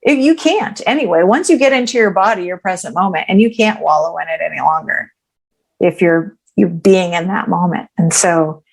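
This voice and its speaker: A woman's voice: on the low side, moderate pace, breathy edge. A woman coaching in a podcast interview, explaining earnestly, often checking in with "right?" and acting out inner thoughts aloud. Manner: acts out her own inner thoughts aloud. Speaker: joy coach guest.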